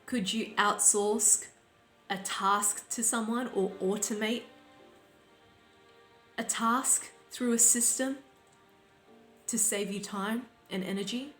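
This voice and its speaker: Woman, life coach, unhurried and instructive, reverberant room, faint music bed. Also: a little high, fairly even intonation, a bit bright. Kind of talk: reflective talk to camera. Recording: roomy sound with faint background music.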